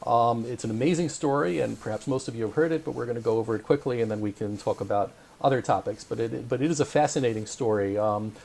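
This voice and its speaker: A man's voice: medium pitch, fast, creaky, hardly any pauses, a little mellow. A man hosting a remote interview, chatty and hesitant with many "um"s, laughing often. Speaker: interview host.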